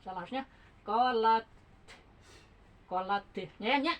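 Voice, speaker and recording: A woman teaching Quran recitation rules in a relaxed home lesson, patiently spelling out letters and counting beats aloud. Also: a little high, normal speed, highs cut off.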